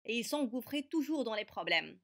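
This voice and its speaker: A woman voicing a feisty teenage girl who narrates an animated story with brisk, sarcastic wit. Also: on the high side. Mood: sardonic.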